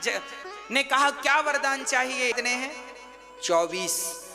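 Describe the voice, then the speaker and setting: A man's voice: extremely high pitch, pushed and bright. A man telling a devotional story as a sermon, urging the listeners directly as he preaches to an audience in a large hall. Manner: exhorting, addresses listeners directly. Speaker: religious storyteller. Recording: reverberant hall with instrumental music.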